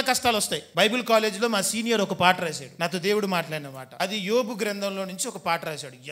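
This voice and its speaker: A male preacher with a very high, sharply bright voice delivers a church sermon. He keeps throwing questions at the congregation and drives his points home with forceful exhortation. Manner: rising to emphatic exhortation. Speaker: pastor.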